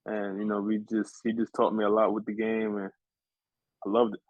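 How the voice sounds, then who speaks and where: A young man from New Jersey, a college basketball player, answering interview questions in a relaxed, polite way. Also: fairly low pitch, moderate pace, no room sound. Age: young adult. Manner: laid-back, polite, keeps saying "yes, sir". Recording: dry, phone-like lo-fi sound.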